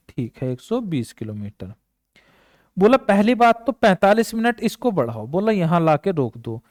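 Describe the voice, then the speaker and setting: In an exam-prep math lesson, a male teacher works through problems step by step, rapidly posing questions and answering them himself. His high voice moves up and down in a lively way, and the sound is dry and close with no room sound at all.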